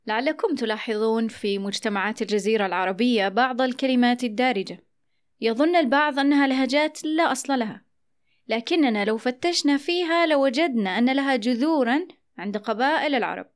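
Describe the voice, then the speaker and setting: A woman hosting an educational podcast, reading a measured, scripted narration and slowing down to spell out examples. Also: on the high side. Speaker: podcast host.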